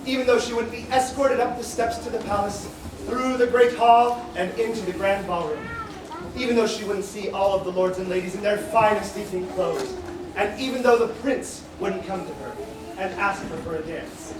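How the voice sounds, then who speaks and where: A woman playing an expressive, gently chiding storyteller in a children's stage musical. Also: mid-range voice, normal speed, background noise, close to an everyday voice. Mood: wistful. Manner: expressive, exclaiming. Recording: very echoey theatre, distant, music.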